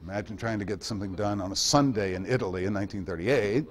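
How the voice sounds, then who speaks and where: Talking fast, this low-voiced man addresses a club meeting as a guest history speaker. His delivery is informal, with rambling anecdotes and dry asides along the way.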